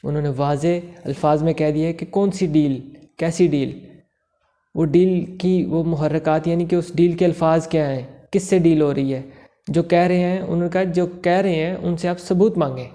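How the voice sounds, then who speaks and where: A man hosting his own channel, giving political commentary in a measured, steady delivery. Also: on the high side. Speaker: YouTube channel host.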